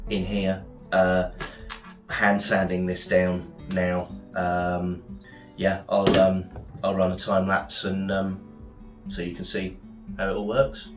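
Low-voiced man chatting through a DIY project. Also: monotone, takes it slowly, music in the background. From England. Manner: rambling, many fillers and restarts. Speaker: bushcraft video maker. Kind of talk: casual DIY vlog narration. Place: small shed and home workshop.

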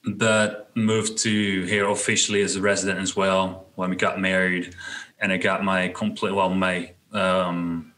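A young Dutch-accented man chats as an interview guest over a headset on a video call. His voice is low-pitched yet bright and forward, and he hesitates often, restarting phrases and filling pauses. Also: little pitch movement, poor audio. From Netherlands. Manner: hesitant, many fillers and restarts. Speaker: guest web designer. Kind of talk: casual interview chat. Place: small home room.

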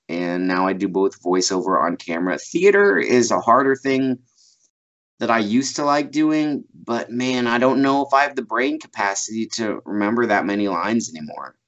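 A man in his thirties, appearing as a voice actor guest, chats casually over a video call from a small room at home, and the audio sounds muffled. His mid-range voice is expressive and fairly bright at a normal speed. He rambles, laughs often, and fills his talk with fillers and restarts.

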